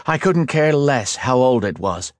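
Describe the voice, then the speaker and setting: A man's voice: mid-range voice, sing-song, measured pace, darkish tone, no echo, studio quality, pitched above the performer's own voice. A man voicing a blunt, impatient young man who speaks in a raised, curt and urgent way. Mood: defiant.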